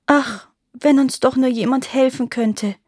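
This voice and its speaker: A poor, hardworking young seamstress from a storybook, her voice slightly lifted and pleading, as a woman reads her lines. The tone is a bit husky, recorded dry and close. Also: sits high, a little slow, dry recording, pitched above the performer's own voice. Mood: distressed.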